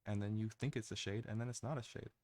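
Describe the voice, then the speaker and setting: A man's voice: steady tone, fast, a little mellow, no room sound. A man giving casual, rambling ASMR gaming commentary in a hesitant way, close to the mic. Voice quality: low, gravelly.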